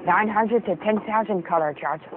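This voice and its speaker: A woman's voice: mid-range voice, normal speed, soft background music. A woman in her fifties answering interview questions and recalling her childhood, stammering and repeating words as she restarts. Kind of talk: personal recollection and interview answers. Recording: tinny phone-like lo-fi sound.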